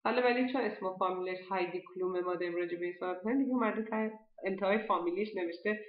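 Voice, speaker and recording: A woman teaching a language lesson, explaining step by step and saying the foreign words slowly and carefully. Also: medium pitch. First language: Persian. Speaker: German teacher. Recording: dull lo-fi echoey room.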